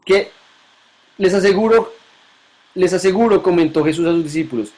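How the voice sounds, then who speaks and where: A man's voice: high-pitched, moderate pace, darkish tone. A man teaching a Bible lesson to a class, asking questions and repeating key points.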